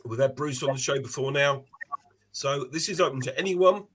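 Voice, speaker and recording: A man's voice: medium pitch, normal speed, a bit bright, slightly rough, rough recording. A man hosting a fan podcast in a friendly, chatty way, losing his voice a little. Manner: friendly, chatty, many fillers. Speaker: podcast host. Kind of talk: casual podcast chat.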